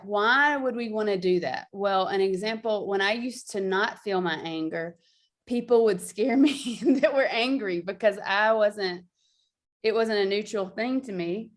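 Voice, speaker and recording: Woman guest explaining a practice; chatty, laughing, filler-heavy delivery. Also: mid-range voice. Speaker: guest teacher. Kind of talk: casual explanatory chat.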